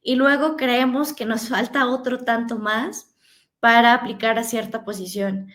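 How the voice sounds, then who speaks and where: A woman hosts a podcast interview, setting out long, carefully built questions. Her voice sits a little high. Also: fairly even intonation, a little slow, a bit bright. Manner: long multi-part questions, thoughtful. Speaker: podcast host.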